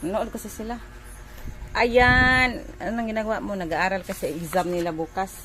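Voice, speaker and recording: A woman's voice: medium pitch, fairly even intonation, normal speed, bright, forceful tone. Chatty woman from the Philippines vlogging. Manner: chatty, rambling, searches for words with "ano". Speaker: home vlogger and mother. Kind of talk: casual home vlog chat.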